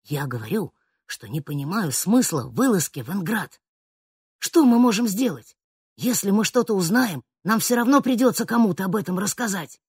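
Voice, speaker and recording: A woman voicing a serious, cautious teenage boy who talks tersely in a lowered voice. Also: brisk, a little mellow, husky, no echo, clean studio sound. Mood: grumbling.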